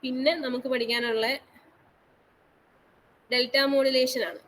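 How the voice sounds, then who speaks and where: Brief: woman lecturer on an online class call, higher pitch, repeats every instruction, faint background noise. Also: flat delivery, unhurried, low-quality recording. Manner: repetitive, instructive, mixes English terms into speech. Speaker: college teacher.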